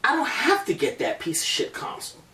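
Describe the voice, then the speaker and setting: A man in his thirties hosting a casual gaming podcast, talking in a profane, joking, animated way. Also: very high-pitched, fairly quick. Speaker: podcast host. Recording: roomy distant mic with faint noise.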